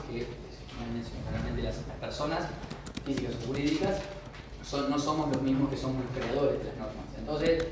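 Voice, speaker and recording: A man with an Argentine accent giving a university law lecture, explaining step by step and often checking in with his class. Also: medium pitch. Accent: Argentine Spanish. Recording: echoey room, far from the mic, with noise.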